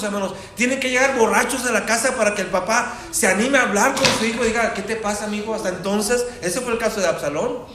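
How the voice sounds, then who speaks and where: A man's voice: extremely high pitch, roomy sound, slight background noise. A man preaching a sermon in a church, telling a story full of rhetorical questions. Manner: animated storytelling with rhetorical questions, turning soft and slow. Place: church hall.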